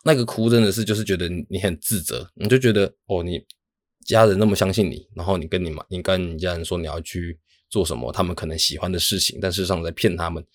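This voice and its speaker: A man's voice: deep voice, steady tone, no echo. A young man, telling a rambling, self-mocking story in a casual monologue. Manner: rambling, self-mocking, talks fast with many restarts. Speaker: podcast host.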